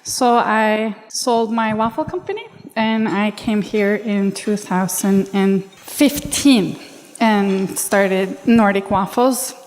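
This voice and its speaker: A woman from Norway with a Norwegian accent, speaking on a business panel, chatty and quick to laugh. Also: medium pitch, a little mellow, slight background noise. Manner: chatty, laughs often, restarts sentences. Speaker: panelist, founder. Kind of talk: panel discussion. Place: event hall with audience. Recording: long hall reverb.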